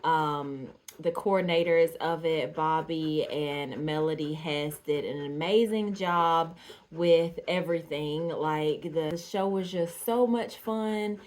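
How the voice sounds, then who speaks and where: A woman's voice: low voice, steady tone, slow pace, a little mellow. A woman from Georgia, chatting casually to camera about dolls and drinks, with frequent ums and little laughs. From Georgia, USA. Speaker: doll artist vlogger.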